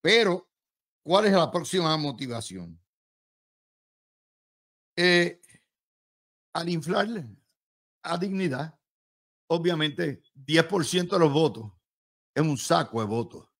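A man's voice: on the high side, expressive, slow, long pauses, a bit bright. A man with a Puerto Rican accent giving emphatic, combative and sarcastic political commentary as an analyst.

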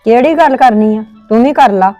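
A woman's voice: on the high side, a little fast, mellow, no room sound, faint music behind. Indignant woman playing a scolding mother. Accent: Punjabi. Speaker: mother-in-law in a family drama. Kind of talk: scripted family drama acting.

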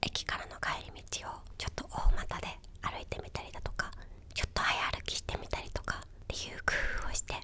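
A young woman chatting casually in a soft, breathy ASMR whisper, close to a desktop microphone in a small room. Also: brisk. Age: young adult. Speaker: ASMR video creator. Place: small quiet indoor room with a bed or sofa. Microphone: desktop condenser microphone, close up.

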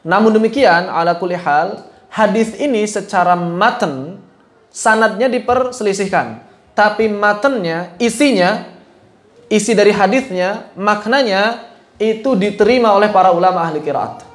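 A man leads a recitation class in a casual, chatty tone, stopping often to ask his listeners questions. His voice sits high, and the room around him rings with noticeable echo. He moves easily between everyday talk and careful explanation. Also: moderate pace. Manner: asks the class questions, mixes casual speech with chanted Arabic. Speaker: Quran recitation teacher. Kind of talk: informal religious lesson.

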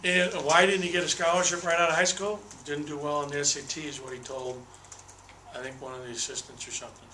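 This basketball head coach, a man in his sixties, offers candid, detailed postgame answers at a desk-mounted table microphone in a small press room, repeating words whenever he restarts. His voice is on the high side, sharp, quick, and fairly even in intonation, with slight background noise and a roomy echo.

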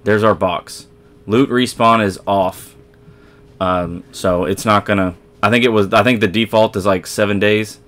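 A man with a low voice hosts a casual let's play, talking straight to his viewers as he plays. He rambles and corrects himself mid-sentence, filling gaps with easygoing chatter. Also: fairly even intonation, a little slow, a bit bright. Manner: rambling, self-correcting, talks to viewers while playing. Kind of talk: casual gameplay commentary.

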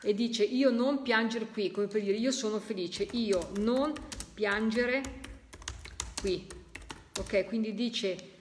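A woman leading a live spirit-voice session, talking casually and slowly repeating the messages she hears. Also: medium pitch, slight background noise. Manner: slow, drawn-out repeating of heard messages. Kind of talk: live stream commentary.

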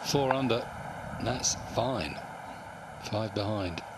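A male golf commentator with a fairly low voice speaks in short, clipped phrases. Loud outdoor ambience surrounds him. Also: lively intonation, takes it slowly, heavy background noise.

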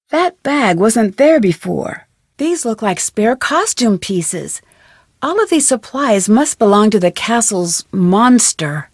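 A woman voices a curious, determined young detective in a video game, thinking aloud in crisp speech with an American accent. Her pitch is fairly high, and the clean studio recording has no room sound.

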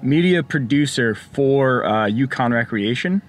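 A man's voice: medium pitch, expressive, a little slow, faint music behind. A man in his twenties chatting in the passenger seat of a parked car, easygoing and jokey, with many fillers. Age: 20s. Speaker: co-host. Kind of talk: casual Q&A chat. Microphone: camera on the dashboard.

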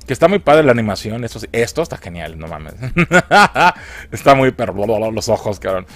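Animated man reviewing a trailer. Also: lowish voice, moderate pace, no echo. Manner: swearing, laughing, animated. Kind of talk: casual commentary.

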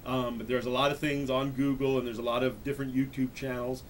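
A man's voice: medium pitch, little pitch movement, fast talker, a little hiss or hum. A man in his thirties hosting a casual interview chat in a small room, a little way from the camera. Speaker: host. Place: small furnished room, indoors.

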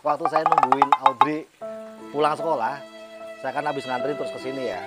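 A man's voice: medium pitch, fairly even intonation, brisk, loud music behind the voice. A middle-aged man telling a personal story in a vlog, chatty and motivational, laughing often. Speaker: network marketing team leader.

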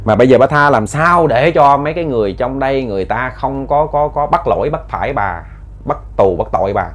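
A man's voice: medium pitch, lively intonation, fairly quick. A man telling a ghost story in a folksy, repetitive way, often addressing his listeners.

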